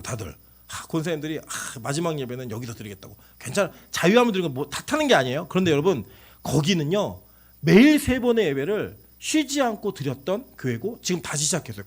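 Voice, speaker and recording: A man preaching a Korean church sermon as pastor, animated and acting out shouted quotes. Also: fairly high pitch, quick pace, husky.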